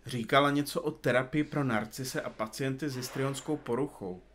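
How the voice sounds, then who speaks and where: In an audio comedy drama, a man plays a pompous, absent-minded, fussy detective, speaking in florid, formal, bookish phrases. His lightly acted voice is mid-range with a fairly bright tone, and there's a little hiss or hum.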